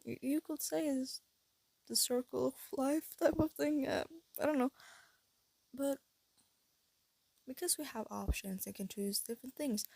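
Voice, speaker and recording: Teen girl yapping into her phone, breathy and a bit stuffy, lots of ums and restarts, kinda husky-fry, dry sound. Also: sits high, a little slow, pauses often, darkish tone, dry recording. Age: teens. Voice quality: breathy, slight lisp from wearing retainers. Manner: hesitant, thinking aloud with many fillers and restarts. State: stuffy nose. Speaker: vlogger. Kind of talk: casual rambling vlog monologue. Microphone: phone held close.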